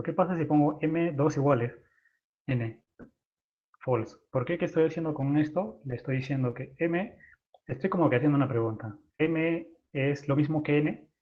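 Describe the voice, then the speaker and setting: Male instructor, Peruvian Spanish accent, mid-pitched, live online coding class, talks through each step with fillers and restarts, thin phone-like call audio. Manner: explains step by step with frequent fillers and self-corrections. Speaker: programming instructor. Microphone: video call audio.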